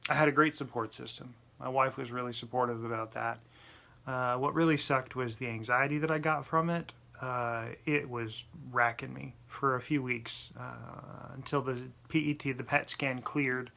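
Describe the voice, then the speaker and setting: A man's voice: medium pitch, creaky, pushed and bright. A man with a lisp talking casually to the camera in a personal vlog, apologetic and self-deprecating. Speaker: vlogger.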